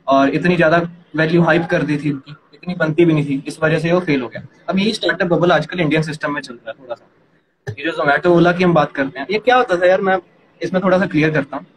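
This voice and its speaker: A young man casually explaining startup funding to a co-host, talking quickly and animatedly. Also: fairly high pitch, a crowd in the background. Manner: rapid, animated, addresses partner as yaar and bhai. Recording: noisy background ambience.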